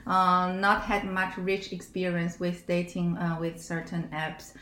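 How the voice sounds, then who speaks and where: A woman's voice: lowish voice, flat delivery, a little slow, bright, forceful tone, reverberant. A woman co-hosting a casual podcast, asking questions with a lot of fillers. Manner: asks questions with frequent fillers. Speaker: podcast co-host. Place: indoor room in Amsterdam.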